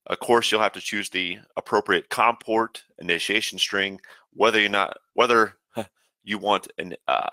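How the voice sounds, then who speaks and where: A man giving a casual webinar walkthrough of a program as a software trainer, talking steadily with frequent "uh" fillers. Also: lowish voice, dry recording.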